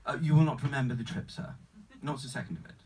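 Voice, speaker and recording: A man acting as an unflappable, courteous travel agent with a faintly sinister sales pitch, in a screenplay table read. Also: quick pace, mellow, husky, distant mic. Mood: calmly assured. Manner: formal, courteous, salesman-like, calls the customer sir.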